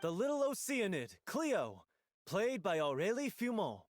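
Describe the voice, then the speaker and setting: Courteous, lively-pitched young theater man. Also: unhurried, no echo, clean studio sound, heavily acted. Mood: formal announcing. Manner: polite, articulate, reassuring. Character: courteous young male theater director, calm and conciliatory. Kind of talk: game voice acting.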